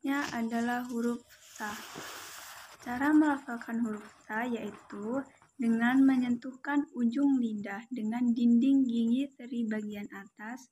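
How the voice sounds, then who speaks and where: A young woman from Indonesia giving a Quran recitation lesson, explaining each letter slowly and carefully and drawing out the sample syllables. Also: on the high side, dark tone, a little hiss or hum, poor audio. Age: young adult. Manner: slow, careful instruction with drawn-out sample syllables. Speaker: student presenting a lesson.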